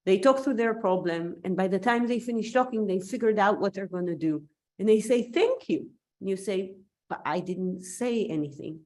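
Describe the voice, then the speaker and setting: The speaker, an invited scientist from Israel with Hebrew as her mother tongue, gives a thoughtful seminar via video call. Her mid-range voice has a slightly mellow quality. She coughs occasionally while recovering from an illness.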